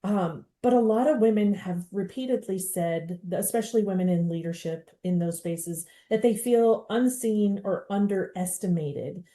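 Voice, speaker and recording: A middle-aged woman hosting a conversational interview, animated and quick, with frequent restarts. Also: medium pitch. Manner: animated, fast-talking with restarts. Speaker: podcast host.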